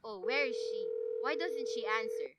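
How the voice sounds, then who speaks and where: A young woman playing a frantic, imperious bedridden wife in a radio thriller, with a shrill, agitated, indignant delivery. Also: normal speed, very noisy, lightly acted. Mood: anxious, demanding. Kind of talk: 1940s radio thriller acting.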